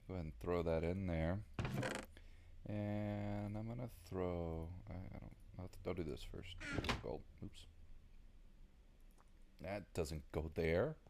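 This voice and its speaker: A man's voice: deep voice, takes it slowly, gravelly, pauses often, very noisy. A man with a Southern American accent giving casual, rambling gameplay commentary, thinking aloud with lots of ums. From Southern United States. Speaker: gaming video creator.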